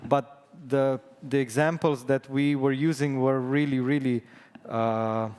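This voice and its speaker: Slovenian man, non-native English, halting conference talk, medium pitch, long hall reverb. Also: steady tone, a little mellow, smooth. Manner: hesitant, many fillers and restarts. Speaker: conference speaker. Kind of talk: conference presentation.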